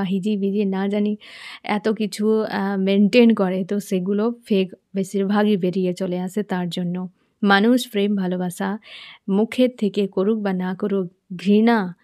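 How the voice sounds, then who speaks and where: A woman reads tarot cards in a relaxed, conversational way. Her voice is mellow and warm, at an ordinary middle pitch. She talks to the viewer like a friend and often asks whether they follow. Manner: chatty, addresses the viewer as friend, asks "understand?". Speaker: tarot reader. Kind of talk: casual tarot reading to camera.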